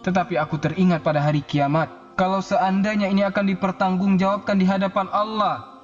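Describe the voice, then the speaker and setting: A pious older caliph, grieving and remorseful, speaks in a high, pleading voice, as a preacher acts him out in a sermon. Faint music plays under a slightly dull recording. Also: male voice, fairly even intonation, fairly quick, close to an everyday voice. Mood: sorrowful.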